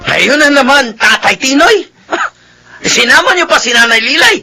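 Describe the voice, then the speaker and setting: An actor playing an arrogant, drunken, philandering son-in-law in a radio drama, talking back insolently. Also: male voice, very high voice, expressive, moderate pace, over music. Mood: mocking. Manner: insolent, defiant.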